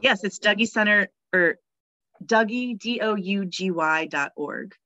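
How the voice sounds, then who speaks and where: Woman, cheerful and chatty podcast guest, bright and forceful voice, dry dull recording. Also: medium pitch, a little slow, no echo. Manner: chatty, cheerful, laughs often, many fillers. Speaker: podcast guest, death midwife. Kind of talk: casual podcast conversation.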